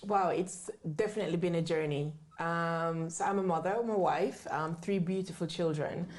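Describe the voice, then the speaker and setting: An author and book writing mentor appears as an interview guest, her lowish voice a little mellow at a normal speed. UK-born and Jamaica-raised, she tells her story candidly and conversationally.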